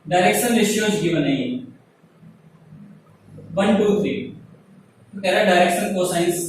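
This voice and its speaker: A man's voice: sits high, slight background noise. A man teaching a maths lesson step by step, asking his class questions as he goes. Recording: very echoey room, voice from far off.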